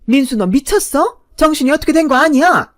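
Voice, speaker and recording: A woman voicing a snobbish middle-aged mother who talks down to others in a shrill, domineering way. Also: lively intonation, a little fast, close to an everyday voice. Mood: shrieking. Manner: shrieking, scornful, loud.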